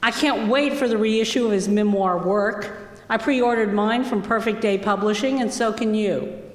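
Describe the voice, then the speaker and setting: A woman's voice: mid-range voice, normal speed. A woman organizer introducing the next reader at a reading, in a plain, enthusiastic, conversational way. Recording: echoey hall with long reverb.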